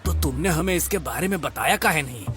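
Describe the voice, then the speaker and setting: A man's voice: fairly high pitch, animated, a little fast, fairly bright tone, faint music behind. A man voicing a stern, blunt father in an audio drama. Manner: blunt, stern rustic speech.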